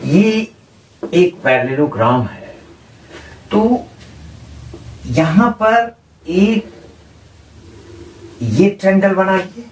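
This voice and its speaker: A man teaching a geometry lesson in speech, explaining slowly and repeating terms as he points and writes. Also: on the high side, darkish tone. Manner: slow, repeats terms while pointing and writing. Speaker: maths tutor. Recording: roomy, slightly distant mic with faint noise.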